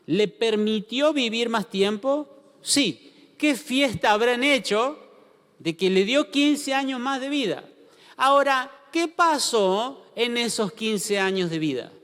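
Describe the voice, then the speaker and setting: Argentine preacher in a reverberant church. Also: male voice, extremely high pitch, takes it slowly. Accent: Argentine Spanish. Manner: animated storytelling, acts out dialogue, asks congregation questions. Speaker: pastor. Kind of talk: sermon. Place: church hall. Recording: long hall reverb.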